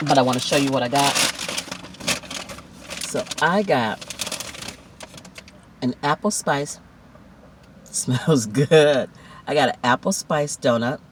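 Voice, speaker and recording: A man's voice: mid-range voice, takes it slowly, long pauses, a little hiss or hum. A man chatting casually in a food mukbang vlog, heartfelt and talkative, lingering over each item. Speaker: food vlogger.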